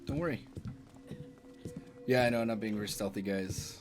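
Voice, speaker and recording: A man's voice: lowish voice, normal speed, music in the background. A man giving casual, chatty commentary while playing a video game, self-mocking and swearing now and then. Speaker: let's play gamer.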